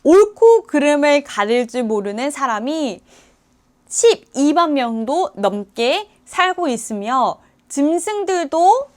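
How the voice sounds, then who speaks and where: A woman voicing God as a patient figure who gently rebukes, speaking slowly and deliberately. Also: high voice, sing-song, full character voice. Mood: pleading. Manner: slow, deliberate questioning.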